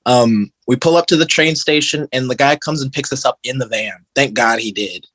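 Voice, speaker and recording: An American man from Michigan, a metalcore guitarist, appears as a podcast guest and tells stories in a casual, informal, slangy way. His voice is medium-pitched with a fairly bright tone, at normal speed. There's no echo.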